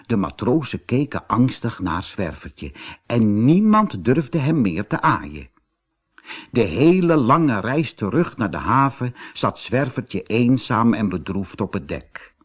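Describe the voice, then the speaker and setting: A man reading a children's story aloud as narrator, slow and expressive. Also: mid-range voice, slightly rough.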